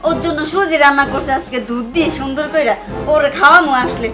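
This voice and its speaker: A woman playing a shrill, scheming stepmother. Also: fast talker, lightly acted. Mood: coaxing. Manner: fretful muttering to herself, then loud and defensive. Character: scheming, quick-tempered stepmother. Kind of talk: amateur short-film acting. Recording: echoey room, mic at a distance, music underneath.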